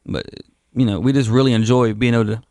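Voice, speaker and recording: A man's voice: medium pitch, steady tone, quick pace, darkish tone, no room sound. A man, the lead singer of a band, chatting casually as a guest in a radio studio, loose and laid-back. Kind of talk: casual interview chat. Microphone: studio microphone.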